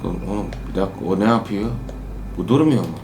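Excitable man yelping through a horror game. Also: sits low, fast, roomy sound, a little hiss or hum. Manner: excitable, yelps and repeats words in bursts; joking, role-plays a worried father. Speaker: gamer playing a horror obstacle game. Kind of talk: excited let's-play commentary.

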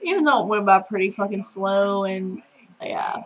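A woman's voice: medium pitch, animated, moderate pace, poor audio. A young woman chatting casually in a home vlog, chiming in with offhand asides. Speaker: vlogger. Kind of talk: casual chat.

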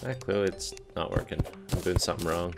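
A man with a low, gravelly voice teasing his co-op partner and owning up to not knowing what he's doing. His talk is loose and casual. Faint game music runs behind. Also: fast talker. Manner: playful teasing, unsure of himself. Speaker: gaming co-host. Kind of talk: casual gaming chat.

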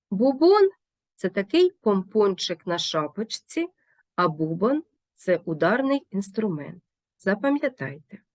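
A woman teacher reading a scripted lesson, pronouncing each word carefully and deliberately. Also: mid-range voice, no echo. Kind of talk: slow scripted lesson narration.

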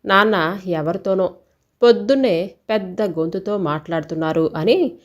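A woman reading a scripted first-person story in a steady, even storytelling delivery. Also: medium pitch, moderate pace.

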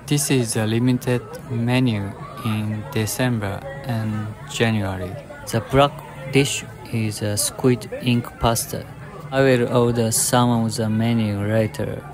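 A young man vlogging in a restaurant, explaining the dishes in slow, simple, short sentences. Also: medium pitch, steady tone, over music, a crowd in the background, rough recording. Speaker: food vlogger. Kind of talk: narrating a restaurant meal. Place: yakiniku restaurant, indoors.

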